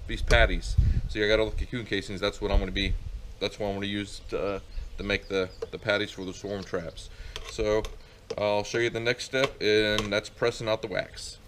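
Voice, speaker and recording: This middle-aged beekeeper has a fairly low, flat-sounding voice and speaks at a normal speed, giving a casual, rambling outdoor how-to with many fillers and restarts. The camera mic in the farmyard picks up slight background noise.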